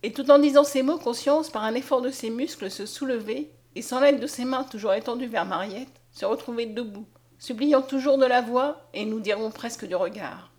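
A woman narrating a classic novel aloud in an expressive, measured way. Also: fairly high pitch. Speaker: audiobook narrator.

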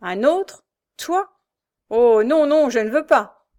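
A woman's voice: fairly high pitch, moderate pace, a little mellow, lightly acted. Woman doing a timid frail young man. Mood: frightened. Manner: pleading, timid. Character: meek frail small knife-grinder brother, man.

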